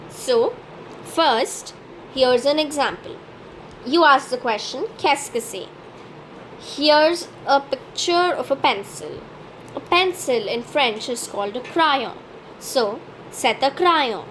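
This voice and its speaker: Slow, high-voiced woman teaching French. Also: fairly bright tone, a little hiss or hum, poor audio. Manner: careful, deliberate pronunciation drills. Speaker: French teacher and channel host. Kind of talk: slow instructional explanation.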